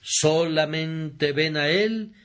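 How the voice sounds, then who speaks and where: A man reading a sermon aloud as a Spanish voice-over in an earnest, deliberate preaching manner. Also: a little high, fairly bright tone.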